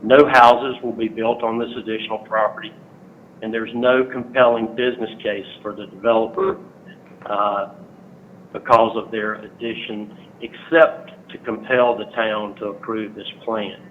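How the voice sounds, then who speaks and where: A man's voice: lowish voice, level tone, moderate pace. A man calling in over the phone to make an earnest public comment at a hearing, reading from prepared notes with frequent "uh" fillers. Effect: heard over a phone line. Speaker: resident speaking at a public hearing. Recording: tinny phone line with faint noise.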